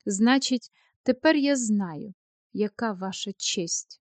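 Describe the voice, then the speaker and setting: A woman's voice: medium pitch, expressive, slow, dry recording. A woman reading the part of a proud young post office clerk who answers coldly and reproachfully. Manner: cold, reproachful, turning tearful. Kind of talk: audiobook character reading.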